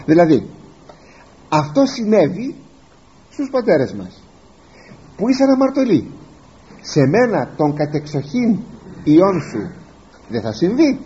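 A man gives a verse-by-verse sermon, his voice rising and falling in a lively sweep as he reads scripture and then explains it. He often takes on the psalmist's first-person voice. His mellow tone comes through a dull, lo-fi recording with faint noise behind it. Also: fairly high pitch. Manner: reads ancient verses aloud, then explains them plainly to listeners. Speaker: preacher.

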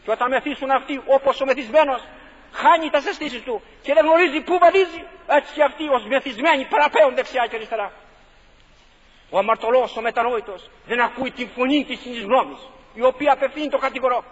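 A man's voice: very high voice, a bit bright. A man preaching a fervent sermon, repeating his phrases for emphasis and asking rhetorical questions. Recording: dull lo-fi recording with long hall reverb.

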